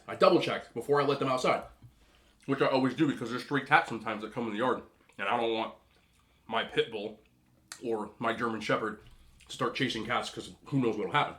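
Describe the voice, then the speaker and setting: A man hosting a mukbang, chatting casually and telling an animated, slangy, incredulous story between bites as he eats. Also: medium pitch. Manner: eating between phrases. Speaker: host of a mukbang video. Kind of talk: casual rambling storytelling while eating.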